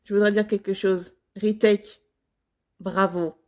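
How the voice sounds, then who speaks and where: A woman's voice: mid-range voice, little pitch movement, over loud music. Woman stammering through a reaction. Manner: halting, stumbling, with repeated restarts. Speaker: reaction video host. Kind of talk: casual reaction commentary.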